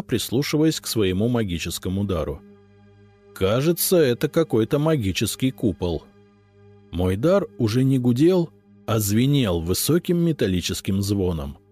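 A man narrating a fantasy audiobook in the first person, with expressive, lively storytelling. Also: lowish voice. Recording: dry close studio recording.

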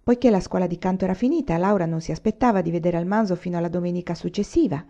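Woman narrator, lowish mellow voice, gentle read-aloud novel narration, dull lo-fi recording. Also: racing. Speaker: audiobook reader.

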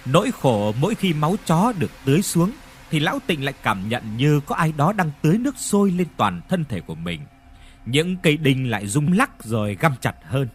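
A man narrating a ghost story in an expressive, dramatic storytelling manner. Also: a little high, fairly quick, breathy edge.

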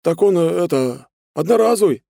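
A man's voice: on the high side, expressive, normal speed, gravelly, mellow, dry recording, clean studio sound, voice pushed up. A man voicing a frightened male thug, a former violinist, who whines and stammers as he pleads. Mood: cowed. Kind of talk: audiobook character voice.

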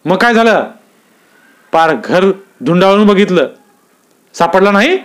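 A man's voice: sits high, animated, measured pace, a bit bright, pitched above the performer's own voice. A male storyteller voicing a flustered rural constable nervously reporting back to his superior. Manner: nervous, excuse-making.

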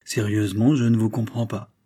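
A man voicing a reserved duke who speaks in a restrained, measured way. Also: on the low side, little pitch movement, warm tone, slightly rough. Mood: puzzled. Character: reserved duke, calm and composed.

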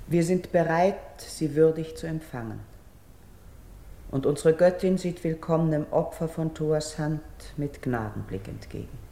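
An actress with a deep voice plays a noble, devout priestess in exile and in grief, delivering classical radio verse. Her delivery is solemn, declamatory, and measured, sometimes hushed, and the mood is composed and formal.

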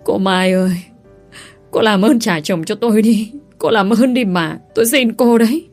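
A woman voicing a scheming young pregnant village woman who wails and pleads loudly. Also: medium pitch, normal speed, soft background music, close to an everyday voice. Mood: wailing. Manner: loud, wailing, pleading.

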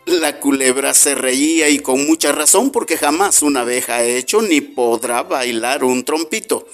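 A man from Mexico reading a children's fable aloud on radio in a measured, expressive way. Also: mid-range voice, soft background music. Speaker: radio storyteller. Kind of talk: storybook narration.

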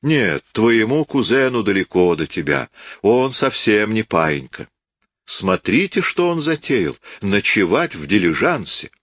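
A man's voice: fairly low pitch, sing-song, unhurried, a bit bright, no echo, clean studio sound, heavily acted. A man voicing a fussy, nosy elderly spinster aunt for an audiobook, with a raised, fretful tone. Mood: indignant. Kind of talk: audiobook character voice.

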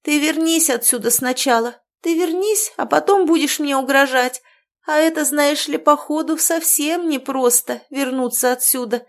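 A woman voicing an angry young woman who snaps and yells at her friend, in an audiobook. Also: a little high, measured pace, voice pushed up, natural voice. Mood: angry yelling. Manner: shouting, sharp, scolding. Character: young woman, furious and worn out.

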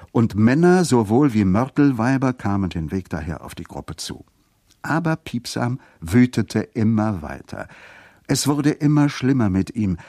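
A man reading a literary story aloud in a steady, measured narrating voice. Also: lowish voice, dry recording, studio quality. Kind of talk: scripted narration.

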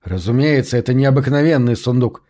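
A man's voice: medium pitch, a little fast, close to an everyday voice. A man reading the lines of a grown son with an everyday male voice. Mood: calm. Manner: desperate, pleading shouts. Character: grown son, frantic then commanding.

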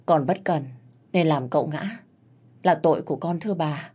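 A woman's voice: low voice, moderate pace, warm tone. A woman voicing a frightened young servant girl who speaks breathlessly and humbly. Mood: humble. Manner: breathless, pleading, deferential.

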